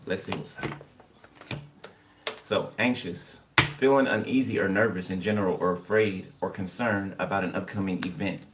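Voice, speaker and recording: Man, tarot reader, low voice, rambly and repetitive, mic set well back, noisy recording with birds behind. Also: steady tone, normal speed. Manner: rambling, filler-heavy, repeats "okay" and "you know". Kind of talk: casual tarot reading monologue. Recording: distant mic with background noise. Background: birds chirping.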